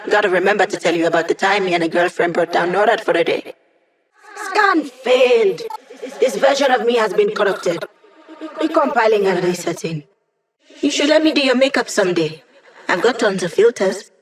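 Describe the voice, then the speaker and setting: A woman's voice: medium pitch, expressive, moderate pace, lightly acted, low-quality recording. A woman playing a quirky, upbeat young female AI hacker in a video game, with a playful, wry, conversational delivery. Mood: playful, teasing. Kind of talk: scripted video game character dialogue.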